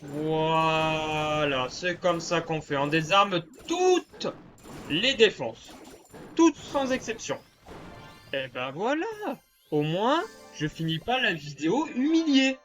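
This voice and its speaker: A man's voice: on the high side, very animated, slow pace, a bit bright, faint music behind. A man giving casual, self-mocking commentary over his gameplay and chatting with his viewers. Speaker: gaming YouTuber. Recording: dull lo-fi sound with faint background noise.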